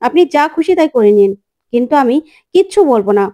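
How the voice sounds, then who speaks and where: A woman's voice: on the high side, big pitch swings, quick pace, warm tone. A woman voicing a stubborn older matriarch who firmly refuses to talk. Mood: defiant. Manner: firm refusal.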